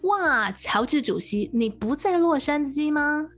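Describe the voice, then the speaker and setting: Exclamatory female radio host, higher voice. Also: animated, a little slow, over music. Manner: exclamatory, addresses listeners. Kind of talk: radio interview hosting.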